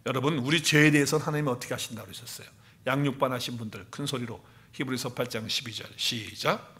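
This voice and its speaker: High, bright-voiced man preaching. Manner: dramatic swings from hushed whispers to loud exclamations. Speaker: pastor. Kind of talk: sermon.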